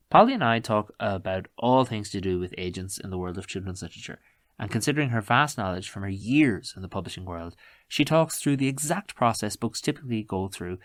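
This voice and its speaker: Man, Irish accent, slightly low pitch, dry close sound, podcast host, conversational presenting. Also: no room sound. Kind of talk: podcast introduction and conversational interviewing.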